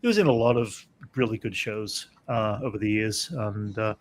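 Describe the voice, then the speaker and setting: A man's voice: on the low side, normal speed. A man hosting a casual pop-culture chat, rambling with many fillers and restarts. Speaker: podcast host.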